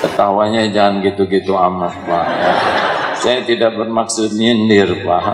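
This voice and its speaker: A man's voice: fairly low pitch, steady tone, measured pace, very noisy. A middle-aged man preaching to a live audience, mixing heartfelt prayer with teasing jokes and acted-out exchanges. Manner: humorous, teasing the audience, acting out prayers and quarrels. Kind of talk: sermon. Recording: echoey hall.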